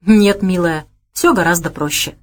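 A calm, steady young man, as a woman narrator reads him, firm and reassuring. He speaks evenly without raising his voice. Audiobook reading. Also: fairly low pitch, measured pace, lightly acted.

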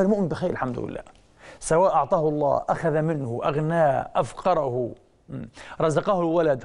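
Fast-talking emotive male preacher. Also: fairly high pitch. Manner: emotive storytelling with sudden rises and hushed drops; rhetorical questions he answers himself. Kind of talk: religious lecture.

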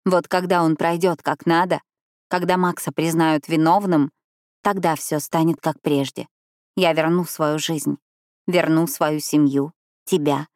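A woman's voice: deep voice, fairly even intonation, measured pace, a little mellow, dry recording, clean studio sound. A woman reading a determined young woman who keeps insisting firmly.

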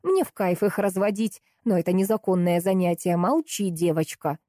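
A woman reading an audiobook, voicing a cruel, greedy older woman who speaks slowly and with cold contempt. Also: lowish voice, mellow, no echo, clean studio sound, close to an everyday voice. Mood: contemptuous. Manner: contemptuous, slow and hissing.

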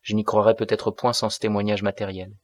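A man reading the part of a naive young woman, a pastor's daughter, in an audiobook, speaking with earnest, soft wonder. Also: on the low side, flat delivery, brisk, no room sound, lightly acted. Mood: dreamy.

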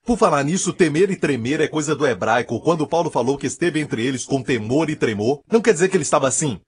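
A man's voice: on the high side, expressive, fast, husky, no echo. A man preaching a sermon as pastor, emphatic and repeating his key phrases.

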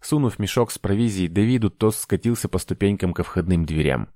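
A man narrating an audiobook in an even, measured reading. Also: sits low, dry recording, studio quality. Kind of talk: scripted narration.

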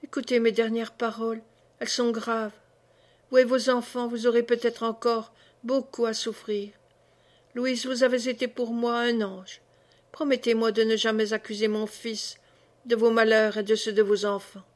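A frail, dying old mother speaking her last words , as a woman reader voices her. Her voice is hushed and weak yet grave, sitting fairly high with a flat, even melody. It comes from a read-aloud historical novel. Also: moderate pace, close to an everyday voice. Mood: grave, faint. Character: dying elderly mother-in-law, faint and solemn.

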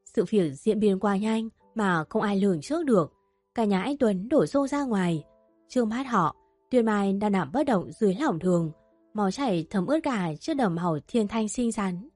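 A woman's voice: medium pitch, expressive, normal speed, a little mellow, no room sound. Woman narrator, dramatic story reading, dry close sound, faint background music.

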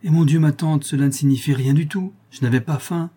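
A man's voice: fairly high pitch, fairly even intonation, a little fast, mellow, husky, pitched above the performer's own voice. A man reading a storybook, voicing a proud, defiant young woman of twenty-five with a haughty, cutting manner.

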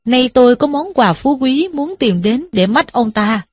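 A woman's voice: high-pitched, lively intonation, a little slow, husky, no echo, studio quality, heavily acted. A woman voicing a burly young man caught as a thief, pleading in a raised, wailing voice. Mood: earnest.

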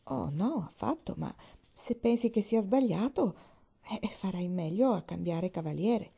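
A woman's voice: mid-range voice, expressive, unhurried, creaky, mellow, breathy edge, heavily acted. A woman reading aloud and voicing a shy, earnest young woman in an audiobook. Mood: timid.

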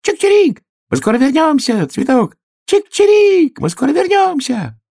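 A man voicing an eager little boy sparrow with shrill chirping cries. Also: very animated, measured pace, a little mellow, dry recording, studio quality, exaggerated voice. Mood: excited.

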